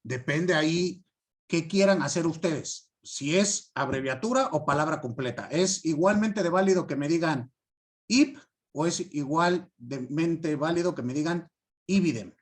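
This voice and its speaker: A man giving a class lecture, stressing key words and often asking students if it is clear. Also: on the high side, unhurried. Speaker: law teacher.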